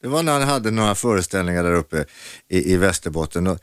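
Male radio host, low voice, rambling playful questions, dry studio. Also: animated, clear, resonant tone, no echo. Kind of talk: casual radio interview. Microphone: studio microphone.

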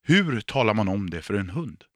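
A man's voice: fairly low pitch, very animated, a bit bright, dry recording. A man hosting a casual chat, asking questions and passing on questions from listeners. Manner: inquisitive, relays listener questions. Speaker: podcast host.

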